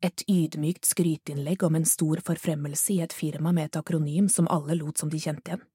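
Woman narrator, low voice, husky, dark tone, dry close sound. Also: fairly even intonation, no echo. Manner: measured, hushed storytelling. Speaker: audiobook narrator. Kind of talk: scripted narration.

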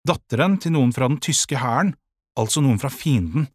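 A man voicing a headstrong twelve-year-old boy in an audiobook, defiant and grumbling, with a husky tone. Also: mid-range voice, animated, no echo, clean studio sound, voice pushed up. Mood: eager. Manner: defiant, grumbling, quick to bristle. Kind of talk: audiobook character voice.

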